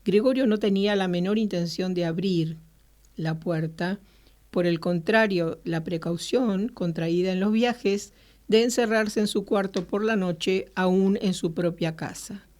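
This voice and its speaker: A woman radio host, reading a novel aloud in a measured way and then commenting, with occasional hesitant fillers. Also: mid-range voice, darkish tone. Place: radio studio.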